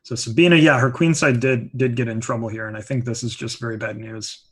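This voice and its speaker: A man's voice: mid-range voice, fairly even intonation, fairly quick, a bit bright, breathy edge. A man giving live chess commentary in a chatty way, explaining moves with many asides.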